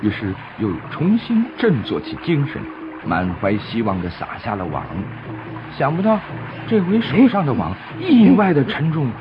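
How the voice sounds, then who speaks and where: Brief: male children's storyteller, animated and slightly high, simple expressive delivery for little kids, music behind a lo-fi recording. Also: normal speed. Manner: expressive, simple explaining addressed to small children. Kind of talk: scripted storytelling narration for children.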